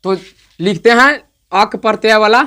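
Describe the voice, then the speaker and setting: A man's voice: sits high, moderate pace, pushed and bright. A man teaching an online grammar lesson, talking straight to his students and saying example words aloud again and again. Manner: direct, repeats words aloud to drill pronunciation.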